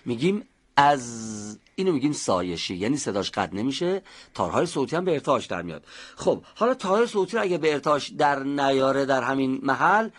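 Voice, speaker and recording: A man's voice: medium pitch, big pitch swings. A man teaching a pronunciation class, patiently explaining how each sound is made and calling on students by name.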